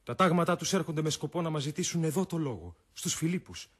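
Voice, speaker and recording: Octavius, a stubborn young Roman general in a radio drama. His voice sits a little high and husky. He declaims his lines firmly. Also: lively intonation. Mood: confident. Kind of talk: classic radio drama acting.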